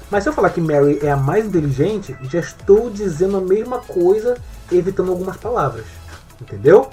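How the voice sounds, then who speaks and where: Mellow-voiced man teaching grammar step by step. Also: a little high. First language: Portuguese. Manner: explains step by step with frequent check-ins. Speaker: English teacher. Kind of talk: online grammar lesson.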